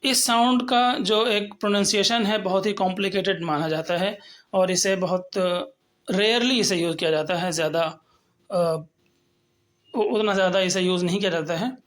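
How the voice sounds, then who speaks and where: A man teaching English pronunciation, explaining step by step and slowly sounding out example words. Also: high voice, fairly bright tone. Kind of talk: lecture on phonetics.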